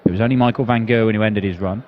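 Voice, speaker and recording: A man's voice: lowish voice, racing, a little hiss or hum. Male darts commentator, slightly dull sound. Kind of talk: live sports commentary.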